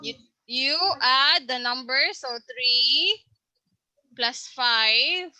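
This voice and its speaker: A woman teacher taking students through a science quiz, reading out each question and its answer choices slowly and patiently. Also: high-pitched, pushed and bright, no echo, rough recording. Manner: slow, patient quiz-style questioning, reads answer options aloud. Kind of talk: online science review lesson.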